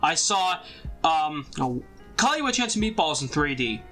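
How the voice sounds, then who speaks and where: A man with a high, bright, forceful voice co-hosting a casual film review. He talks earnestly and with enthusiasm, teasing his partner now and then. Faint music sits under the talk. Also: big pitch swings, normal speed.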